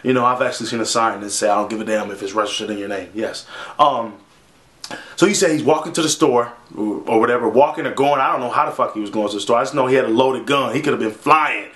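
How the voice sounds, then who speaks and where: A man's voice: medium pitch, quick pace, fairly bright tone, roomy sound. A man giving a blunt, profane, sarcastic video rant about a news story. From Minnesota. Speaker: vlogger. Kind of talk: casual ranting commentary.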